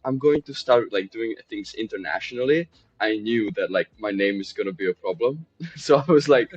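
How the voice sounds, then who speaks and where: A man's voice: on the low side, animated, normal speed, breathy edge. A man, chatting easily as a podcast guest and laughing readily. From Czech Republic. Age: 20s. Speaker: podcast guest, mindset coach. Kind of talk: casual interview chat. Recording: slightly dull lo-fi sound.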